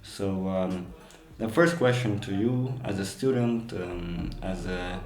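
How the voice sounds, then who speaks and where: A man's voice: low voice, takes it slowly, darkish tone. A man interviewing someone, asking long questions in a hesitant, wordy and roundabout way. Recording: roomy echo, music behind.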